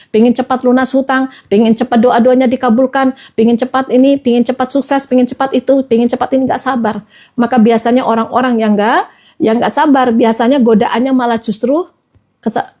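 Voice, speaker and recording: A woman with a light lilt gives an Islamic motivational talk in a fairly high voice. She talks to her listeners as friends and coaxes them along, repeating key words over and over. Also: a little mellow. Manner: repetitive, coaxing, addresses listeners as friends. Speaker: motivational trainer.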